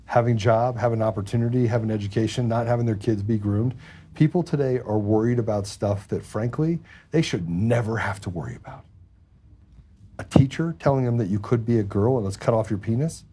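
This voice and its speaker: A man's voice: lowish voice, brisk, mellow, husky. A man hosting a political talk show, blunt and heated, often repeating words as he gets going.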